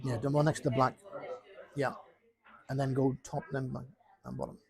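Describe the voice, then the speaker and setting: A man's voice: medium pitch, level tone, moderate pace, creaky. A man giving casual, jokey live commentary on a pool match, rambling and repeating himself. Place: pub during a pool match.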